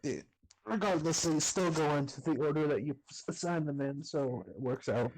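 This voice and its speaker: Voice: mid-range voice, moderate pace, darkish tone, low-quality recording. Teasing game master with frequent laughs. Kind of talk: casual tabletop role-play narration.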